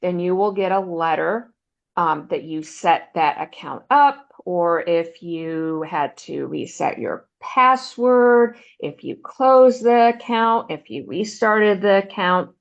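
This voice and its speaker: A woman presenting a benefits counseling webinar, walking listeners through slides in a steady, explanatory way. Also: on the low side, takes it slowly, creaky, highs cut off. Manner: explanatory, steady, uses "um" fillers.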